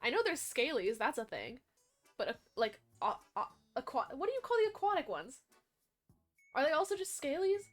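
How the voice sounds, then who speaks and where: A young woman, chatting casually and rambling with her stream audience, animated and often correcting herself. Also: sits high, normal speed, soft background music.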